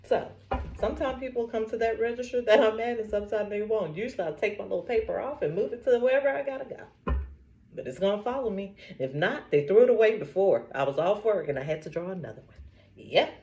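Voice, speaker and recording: A woman's voice: medium pitch, fast talker, lo-fi sound. A woman talking casually to her camera as a vlogger, telling stories with lots of laughter and repeating affirmations like a preacher. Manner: animated storytelling, frequent laughter.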